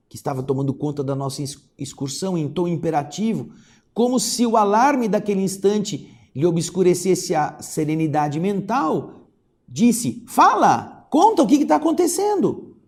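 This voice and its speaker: High-voiced man reading aloud expressively. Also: normal speed. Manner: expressive reading with casual asides. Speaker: reader and commentator. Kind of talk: book reading with commentary.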